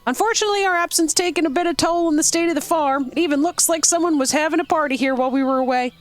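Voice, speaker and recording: A woman's voice: high voice, racing, faint music behind, pitched above the performer's own voice, natural voice. A woman voicing a sweet, chatty old grandmother in a game, talking in a cheery, fussing sing-song.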